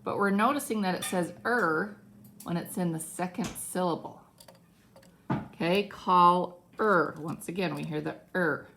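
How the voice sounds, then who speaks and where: A woman teacher giving a phonics lesson to young children, animated and full of mock surprise. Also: fairly low pitch, moderate pace, vocal fry, a little hiss or hum.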